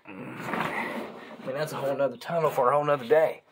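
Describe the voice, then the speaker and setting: A man talking casually as he explores inside a cave, hosting his own video, with a husky, breathy voice that often drops into hushed asides. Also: medium pitch, steady tone, rapid-fire, background noise. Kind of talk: casual vlog narration while exploring. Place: inside a tight limestone cave.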